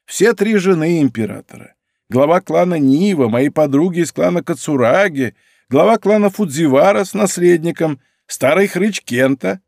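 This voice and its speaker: A man's voice: on the high side, lively intonation, normal speed, gravelly, darkish tone, dry recording, clean studio sound, voice pushed up. Male reader playing a grouchy elderly lady from an audiobook; raised, snappish, grumbling. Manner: prickly, grumbling. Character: grumpy sharp-tongued old noblewoman. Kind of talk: audiobook character reading.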